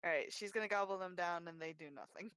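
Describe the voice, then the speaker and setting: A woman acting as game master, narrating a tabletop game with many pauses and ums. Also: fairly low pitch, fairly bright tone, smooth, no echo, rough recording. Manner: hesitant, full of ums and uhs.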